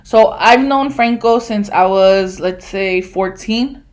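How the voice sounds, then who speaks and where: A woman in her twenties telling stories on a casual podcast, animated, laughing and swearing, with lots of fillers. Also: mid-range voice, slow. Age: 20s. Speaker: podcast co-host. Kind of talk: casual storytelling chat.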